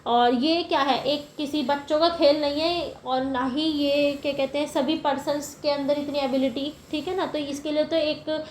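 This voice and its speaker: High-voiced woman teaching in an echoey room. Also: steady tone, moderate pace, hardly any pauses, a little hiss or hum. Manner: explains step by step, often asking "ठीक है ना". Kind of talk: lecture to teacher-training students.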